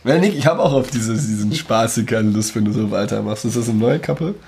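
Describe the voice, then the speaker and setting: A man's voice: on the low side, animated, fairly quick, vocal fry, a little mellow, a little hiss or hum. A young man co-hosting a podcast, making dry, sarcastic jokes in casual banter. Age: young adult. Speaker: podcast co-host.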